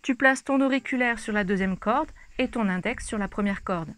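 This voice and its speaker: A woman's voice: on the high side, normal speed, over loud music. A woman teaching a ukulele lesson, explaining chords step by step and speaking casually and directly to the viewer. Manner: casual, addresses the viewer informally. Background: ukulele playing.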